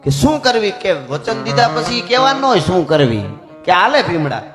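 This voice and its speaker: Kathiawadi folk storyteller with music. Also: male voice, high voice, sing-song, moderate pace, reverberant. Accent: Kathiawadi Gujarati. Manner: chatty, humorous asides to the audience.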